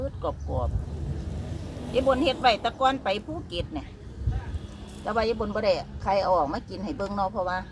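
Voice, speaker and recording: A middle-aged woman with a northeastern Thai Isan accent, chatting casually between mouthfuls as she vlogs her meal. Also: on the low side. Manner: talks between mouthfuls, with chewing pauses. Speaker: vlogger. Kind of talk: casual chat while eating. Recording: noisy outdoor ambience with birds.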